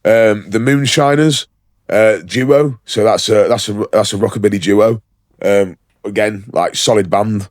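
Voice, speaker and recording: Man, lowish voice, rambling podcast chatter, lots of ums and swearing, dry close sound. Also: a little slow, no room sound. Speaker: podcast co-host. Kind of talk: casual podcast chat.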